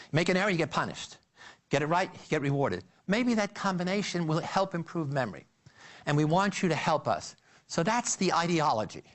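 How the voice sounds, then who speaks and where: A man lecturing to an audience, walking through an example step by step. His voice sits a little high. He tells it with animated energy, stumbling and restarting often. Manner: animated storytelling with frequent restarts.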